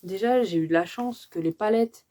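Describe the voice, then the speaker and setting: A woman's voice: mid-range voice, normal speed, mellow. A woman chatting through a casual beauty unboxing vlog, hesitant and chatty with many fillers and self-corrections. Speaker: beauty vlogger.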